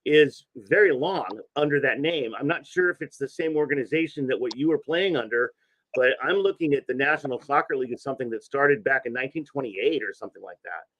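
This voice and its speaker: A man's voice: mid-range voice, a little fast, a bit bright, poor audio. A man hosting a soccer interview show, asking rambling questions with many restarts and repeated words. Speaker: soccer podcast host.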